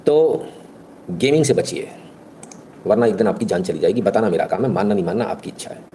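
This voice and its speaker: A middle-aged man hosts a live stream, chatting straight to his viewers with biting sarcasm and mock praise. His voice is mellow and a little dark, at a middling pitch. Faint background noise sits under the recording. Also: animated, brisk. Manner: mocking, sarcastic, chatty, addresses viewers directly.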